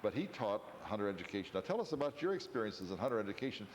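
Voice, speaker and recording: A man's voice: fairly low pitch, sing-song, racing, long reverb tail, a little hiss or hum. A man hosting a local history interview, telling stories in a rambling, digressive way in a community TV studio. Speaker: interviewer host.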